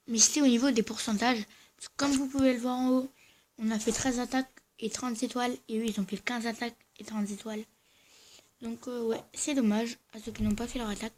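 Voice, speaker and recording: Medium-pitched and a little mellow, with a little hiss or hum, this gaming video host's voice sounds slightly slurred and odd from braces. Their casual gameplay commentary comes out hesitant and halting, and they often correct themselves.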